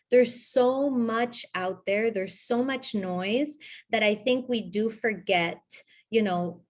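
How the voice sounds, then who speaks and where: Woman, from Ecuador, interview guest, reflective, restarts often, mid pitch. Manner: reflective, with many fillers and restarts. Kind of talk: casual interview conversation.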